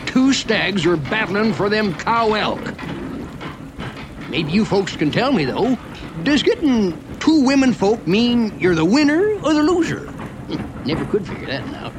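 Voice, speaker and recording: A chatty frontier train guide with a rural Western American drawl. His voice sits high and swings freely up and down as he narrates a park ride with homespun, wry humor. Clear noise of the ride and animals runs behind him. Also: sing-song, unhurried. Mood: folksy, wry. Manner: drawling, folksy dialect with chuckles. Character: folksy old-west mining train guide, chatty and wry.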